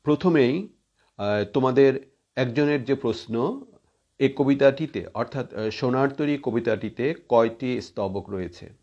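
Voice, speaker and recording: A middle-aged man teaching a college poetry class, pausing often on drawn-out "ah" fillers as he explains. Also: mid-range voice, lively intonation, a little mellow. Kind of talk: recorded class lecture. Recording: dull lo-fi recording.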